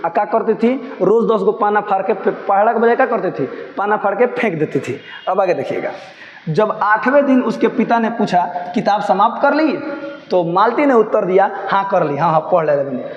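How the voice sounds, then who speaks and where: A Bihari-accented man teaches a story line by line, shifting between formal reading and dialect chat with students. His voice sits high for a man. The recording is dull and lo-fi, with a long roomy echo. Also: slight background noise. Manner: switches between textbook Hindi and Bhojpuri-tinged dialect, acting out quotes. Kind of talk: line-by-line lesson explanation.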